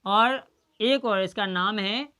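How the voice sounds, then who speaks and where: A woman's voice: medium pitch, slow pace, bright, forceful tone, clear, resonant tone. A woman teaching Hindi pronunciation in a classroom style. She asks her own questions, answers them, and spells out the letter sounds one by one. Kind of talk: slow classroom-style lesson.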